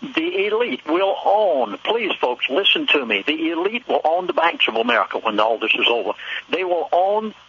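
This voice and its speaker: A man speaking as a guest on a talk radio show, urging listeners directly and talking fast. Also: on the high side, huge pitch swings, creaky, pushed and bright, breathy edge. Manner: urgent, preachy, addresses listeners directly. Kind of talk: radio interview. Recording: lo-fi phone line.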